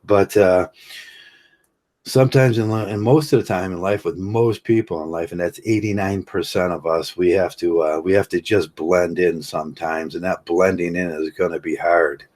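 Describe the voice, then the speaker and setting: A man's voice: deep voice, steady tone, normal speed, darkish tone. A man hosting a casual livestream monologue, rambling with many fillers and restarts and laughing at his own jokes. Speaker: livestream host.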